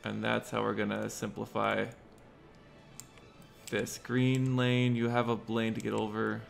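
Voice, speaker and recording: Gravelly low-voiced man streaming a game. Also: flat delivery, a little slow, faint music behind. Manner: muttering to himself while planning, talking to chat. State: hiccups. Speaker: livestreamer. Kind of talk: casual gameplay commentary.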